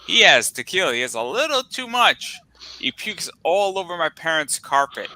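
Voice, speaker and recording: A young man telling stories in a loose, profane way on a tabletop-games stream. His voice is very bright and sharp, and it sits dry and close to the mic with no room sound. He rambles, stacking likes and curse words as he goes. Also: a little high, sing-song, normal speed, dry recording, poor audio. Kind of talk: casual chat, storytelling.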